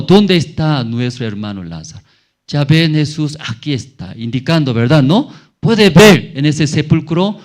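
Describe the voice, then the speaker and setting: Slow, lively-voiced man preaching. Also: mid-range voice. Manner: asks the congregation many questions, slow and lively. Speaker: pastor. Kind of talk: Sunday sermon with call-and-response. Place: church.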